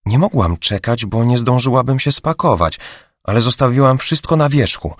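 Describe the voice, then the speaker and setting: A man's voice: medium pitch, expressive, moderate pace, dry recording, clean studio sound, pitched above the performer's own voice, close to an everyday voice. A man voicing a chatty, anxious young female receptionist who gossips with a raised voice, for an audiobook. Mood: aggrieved. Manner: raised gossipy voice, later hushed whispering.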